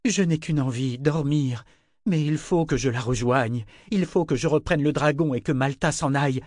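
A man voicing a drunk, exhausted grown man who pleads in a slurred, drawn-out way. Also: medium pitch, darkish tone, dry recording, clean studio sound, pitched above the performer's own voice, close to an everyday voice. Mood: weary pleading.

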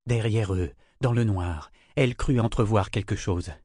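Measured male audiobook narrator. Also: on the low side, darkish tone, no room sound, clean studio sound. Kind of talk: scripted fantasy narration.

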